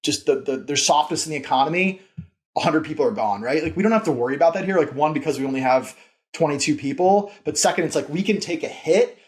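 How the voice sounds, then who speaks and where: With a fairly high voice, lively intonation and a quick pace, this founder and CEO talks conversationally as an interview guest on a podcast. He keeps saying "like" and hammers points home by repeating himself.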